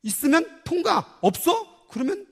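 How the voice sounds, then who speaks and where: A man preaching a sermon as pastor, animated and acting out little prayers and voices. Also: extremely high pitch, a little slow, creaky, in a large hall.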